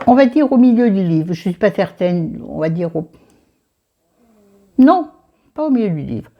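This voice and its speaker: A woman's voice: medium pitch, big pitch swings, measured pace, muffled recording. A woman with a southern French accent, chatting casually about a book while doing her makeup at her dressing table, rambling and talking to herself. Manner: rambling, digressive, talks to herself. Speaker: book vlogger. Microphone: camera facing her mirror.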